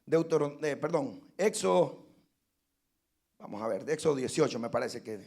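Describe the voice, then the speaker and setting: A man preaching a sermon as pastor, calling his listeners brothers and driving points home with loud repeated lines. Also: mid-range voice, animated, normal speed, gravelly. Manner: preaching with sudden loud emphasis and repeated phrases.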